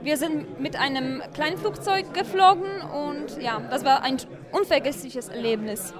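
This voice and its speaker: A young Polish woman, a native Polish speaker, gives short, cheerful answers in German with a Polish accent. Her voice sits high. A loud crowd surrounds her. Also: unhurried. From Poland. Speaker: exchange student. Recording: crowd noise behind.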